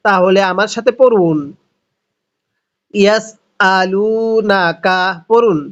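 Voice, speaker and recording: A man teaching Quran reading, who recites the verses slowly, syllable by syllable, and adds quick spoken explanations. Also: high-pitched, highs cut off. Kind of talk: slow spelled-out Quran recitation lesson.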